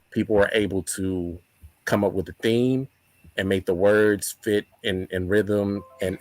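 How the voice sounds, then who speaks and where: A man's voice: low voice, dry recording, low-quality recording. A man answering interview questions as a spoken word artist, reflective and building emphasis through repeated phrases. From born in Nigeria, grew up in the United States.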